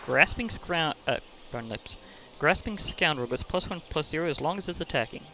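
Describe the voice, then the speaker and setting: A man's voice: on the high side, lively intonation, normal speed, bright, forceful tone, a little hiss or hum. Chatty man narrating his card game. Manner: chatty, laughs often, thinks aloud. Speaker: gaming channel host. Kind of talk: casual gameplay commentary.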